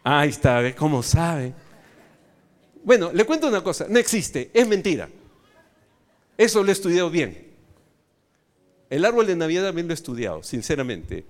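A man's voice: a little high, big pitch swings, moderate pace, long pauses. A man pastor with a Peruvian accent preaching a sermon, telling playful stories, acting out both sides of dialogues and asking the audience questions. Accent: Peruvian Spanish. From Peru. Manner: asks the audience questions and has them repeat. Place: church auditorium.

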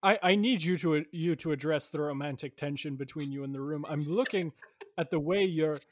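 A man's voice: a little high, moderate pace, no echo, clean studio sound. Flustered, exasperated man in an improv scene. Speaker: improv performer.

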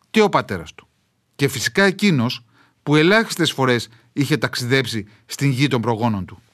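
A male author reads his own travel memoir aloud, wry and measured, letting dramatic pauses hang. His voice sits slightly higher than most men's. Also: fairly bright tone. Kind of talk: literary storytelling.

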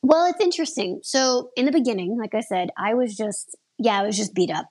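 A woman's voice: on the high side, fairly quick, a little mellow, breathy edge. A woman in her thirties, an aerial performer, chatting casually in an interview. She rambles and often restarts her sentences.

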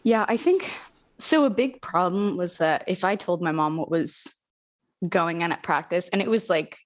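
A young woman speaking openly and reflectively as an interview guest, with soft laughs. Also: on the low side, expressive, moderate pace. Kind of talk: candid personal interview.

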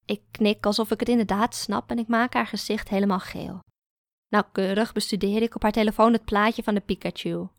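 A woman narrating a first-person story in a calm, even storytelling manner. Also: medium pitch, brisk, no echo, clean studio sound. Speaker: audiobook narrator.

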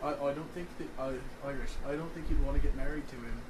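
Halting man player, far off and noisy. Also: a little high. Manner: hesitant, halting. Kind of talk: tabletop role-play. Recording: distant mic, loud background noise.

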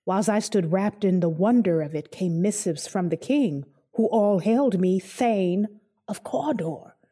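A woman playing a brooding, ambitious warrior lord in a Shakespearean drama, measured and grave. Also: medium pitch, mellow. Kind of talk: dramatic Shakespearean verse acting.

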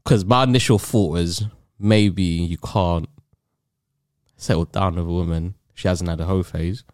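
A man's voice: low-pitched, steady tone, a little slow, no room sound, clean studio sound. A man with a London roadman accent chatting casually in heavy street slang, often ending on tag questions. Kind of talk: casual podcast chat.

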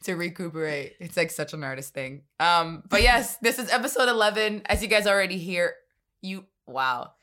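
A woman's voice: on the low side, lively intonation, normal speed, pushed and bright. A woman in her twenties hosting a podcast, chatting casually, joking and laughing often. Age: 20s. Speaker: podcast host. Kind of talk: casual chat.

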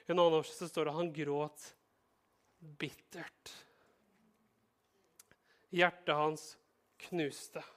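High-voiced, lively male pastor preaching. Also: pauses often. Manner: lively, humorous, conversational preaching. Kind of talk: sermon.

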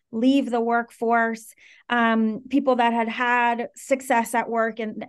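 A woman in her thirties, raised between Venezuela and the Washington DC area, speaking as an interview guest in an articulate, earnest and animated way. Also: fairly high pitch, clear, resonant tone. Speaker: guest, startup co-founder. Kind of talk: interview conversation.

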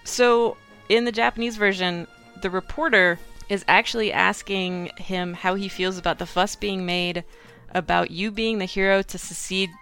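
A woman's voice: medium pitch, fairly even intonation, moderate pace, fairly bright tone, smooth, faint music behind. A woman co-hosting a casual podcast chat, explaining translation differences with frequent ums. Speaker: podcast co-host.

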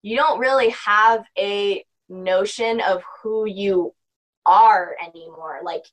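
A young woman who is a spiritual practitioner chats casually as a podcast guest, rambling along with plenty of filler like "like" and "you know" in this interview. Her medium-pitched voice is slow and fairly bright, and the recording is rough.

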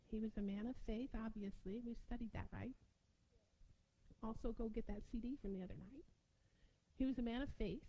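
Excitable high-voiced woman preacher. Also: breathy edge, low-quality recording. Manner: excitable, shouting preaching with sudden bursts. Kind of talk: sermon.

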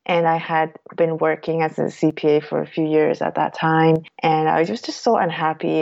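A woman's voice: sits low, vocal fry, a little mellow. A woman in her twenties, a guest in an interview, answering casually with fillers and self-corrections. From Canada. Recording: dull lo-fi sound.

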